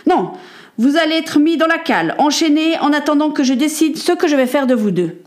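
A woman's voice: sits high, expressive, brisk, pitched above the performer's own voice. A woman voicing a stern male ship captain who gives curt commands.

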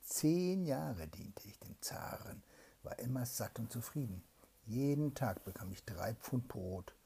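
A woman's voice: a bass voice, animated, a little slow, gravelly, dark tone, husky, heavily acted. A woman voicing a hungry runaway soldier in a bedtime fairy tale, lamenting in her own plain reading voice.

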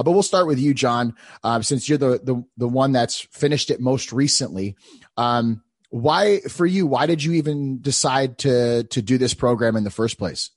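Talking with intensity and cursing to drive his points home, a podcast host in his late thirties delivers motivational talk. His mid-range voice comes through in clean studio sound with no room noise at all.

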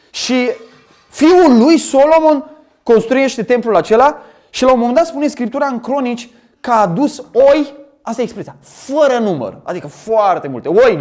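Guy preaching a sermon, really high voice, keeps asking the crowd questions and repeating himself. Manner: animated, repeats phrases for emphasis, addresses the congregation with questions.

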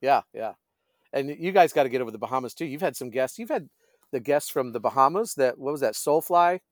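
A man's voice: medium pitch, lively intonation, a little fast, no echo, clean studio sound. A middle-aged man, a pastor and fishing guide, chatting as a podcast guest and often searching for his words. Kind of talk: casual conversational storytelling.

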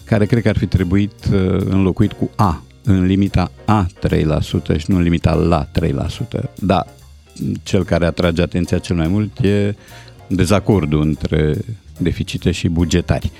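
A man's voice: low-pitched, fairly even intonation, gravelly, warm tone, faint music behind. A man commenting on grammar on a radio morning show, wry and explaining patiently with fillers. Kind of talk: relaxed studio banter and explanation.

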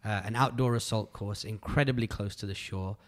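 Fast-talking, low-pitched man chatting casually. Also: steady tone. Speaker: podcast co-host. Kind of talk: casual chat.

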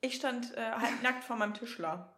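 A woman's voice: a little high, moderate pace, noisy background. A young woman co-hosting a podcast, telling stories in casual chat with slang and frequent laughter. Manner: laughing, slangy, animated storytelling. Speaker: podcast co-host.

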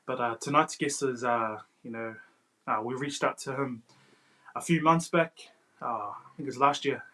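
A man's voice: mid-range voice, moderate pace, bright, forceful tone, low-quality recording. Hesitant man hosting a casual podcast. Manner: hesitant, informal, frequent "bro" and "you know". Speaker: podcast host. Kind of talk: casual, unscripted interview hosting.

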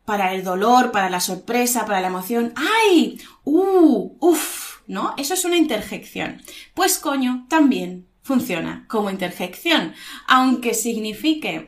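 A woman with a Spanish accent from Spain, teaching a language lesson in a lively, emphatic way and drawing out her examples to show intonation. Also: mid-range voice.

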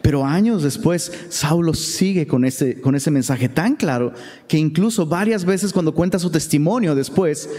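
A man's voice: fairly high pitch, normal speed, warm tone, long reverb tail. A man with a Mexican accent teaching a Bible study in a chatty, conversational way, often checking in with rhetorical questions.

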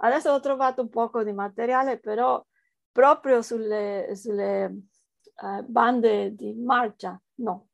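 A woman's voice: a little high, fairly even intonation, a little slow, gravelly, no room sound. A woman researcher with a foreign accent, answering interview questions hesitantly as she searches for words in a language that is not her first. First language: not Italian, speaks it as a foreign language.

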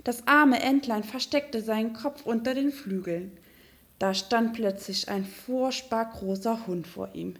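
Eine Frau, die ein Märchen ausdrucksvoll und sanft vorliest. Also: female voice, a little high, unhurried, a bit bright. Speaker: storyteller. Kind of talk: fairy tale reading.

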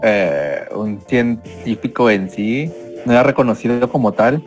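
Very deep-voiced woman asking skeptical questions. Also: measured pace, a little mellow, soft background music. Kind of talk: casual chat.

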